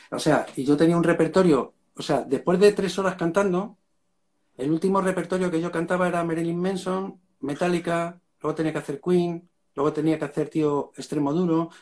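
A man's voice: a little high, a little mellow. A man with a Spain Spanish accent, a rock singer telling stories in a casual interview and dropping slang as he goes. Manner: casual storytelling, slangy, keeps saying "mate".

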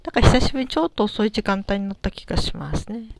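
A middle-aged woman hosting a casual solo talk show, musing gently and thinking aloud with many soft fillers. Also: mid-range voice, lively intonation, quick pace, creaky, dry recording. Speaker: solo podcast host.

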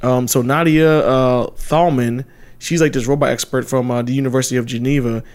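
A man co-hosting a podcast in casual chat, laughing often and retelling stories with lively put-on voices. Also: medium pitch, fairly quick. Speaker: podcast co-host.

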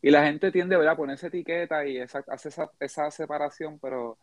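A man's voice: on the high side, brisk. A man hosting a casual podcast interview, chatty and rambling with frequent restarts. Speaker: podcast host.

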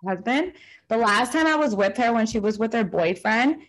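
A young woman from Southern California co-hosting a podcast, telling animated stories in casual chat with plenty of swearing and acted-out quotes. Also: fairly high pitch, moderate pace, rough recording. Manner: animated storytelling, profane, lots of quoted dialogue. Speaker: podcast co-host.

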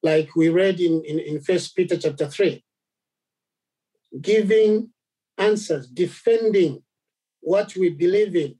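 Halting Zambian man preaching. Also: sits high, warm tone, low-quality recording. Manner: halting, many repeated words and fillers. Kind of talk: sermon.

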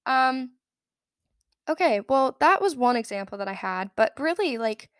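A woman's voice: sits high, expressive, unhurried, clean tone, no room sound, studio quality. A young woman hosting a casual solo podcast, telling a story in a chatty, rambling way and often correcting herself. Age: young adult. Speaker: podcast host.

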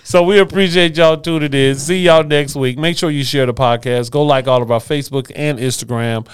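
A man hosting a podcast in casual chat, easygoing and quick to laugh, closing out the episode for the listeners. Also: a little high, steady tone, clean tone. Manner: laughs often, easygoing, wraps up the show. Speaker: podcast host.

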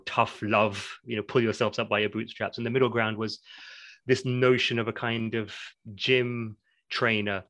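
A man's voice: fairly low pitch, a bit bright, no echo. A man, a podcast guest speaking reflectively and at length, with light laughs as he explains ideas. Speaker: podcast guest, academic in learning development. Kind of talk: conversational interview.

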